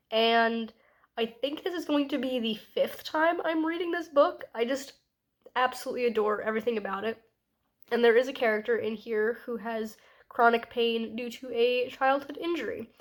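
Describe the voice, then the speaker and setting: A young woman with a congested, nasal voice, as if her nose is blocked, chatting casually in a rambling book vlog. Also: on the high side. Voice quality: stuffy, nasal. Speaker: book vlogger.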